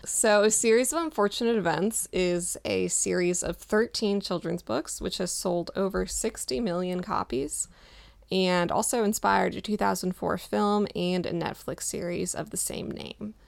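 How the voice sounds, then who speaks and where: Brief: woman co-host with a gravelly edge, upbeat, explains facts in casual chat. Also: mid-range voice, moderate pace. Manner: enthusiastic, informative. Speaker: podcast co-host, writer.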